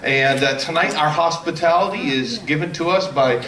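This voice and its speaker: A man's voice: on the high side, normal speed. A man making event announcements to a convention audience in a plain, businesslike way. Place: convention hall. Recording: echoey hall, distant mic, crowd behind.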